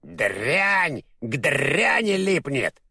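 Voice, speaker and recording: High croaky old crow, snappish and gravelly, husky edge. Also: male voice, sing-song, very slow, pushed and bright, no room sound, clean studio sound, exaggerated voice. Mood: scornful. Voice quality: creaky, shrill. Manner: snaps out scornful remarks. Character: grumpy scornful old crow. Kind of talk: audiobook character voice.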